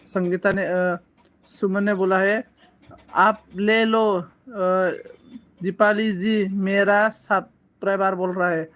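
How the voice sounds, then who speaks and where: A man chats casually on a live stream, reading viewer comments aloud and slowly teasing them back in playful banter, coughing often. His voice is high-pitched and fairly bright, with a flat delivery.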